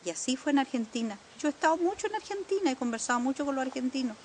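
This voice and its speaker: An older woman with a Chilean accent gives documentary testimony as a survivor, earnest and halting, with pauses and repetitions. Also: high voice, expressive, a little mellow, a little hiss or hum.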